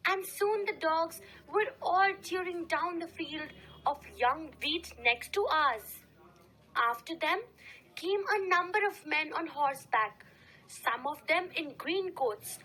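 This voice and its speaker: A woman narrates a classic story for students in a careful, measured way. Her voice is very high and bright. She reads slowly, giving each phrase room. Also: expressive, poor audio. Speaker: story reader. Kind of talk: storybook reading for a class lesson.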